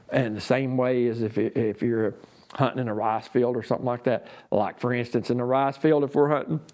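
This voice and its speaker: A man's voice: medium pitch, dark tone. Folksy Southern US man, rambling instructor. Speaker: duck calling instructor and champion. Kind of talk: informal hunting lesson, unscripted explaining.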